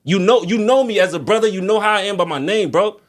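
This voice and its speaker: Man, high voice. Casual slangy venting, repeats himself to drive points home. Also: quick pace. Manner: slangy, emphatic, repeats phrases for stress. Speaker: music artist guest.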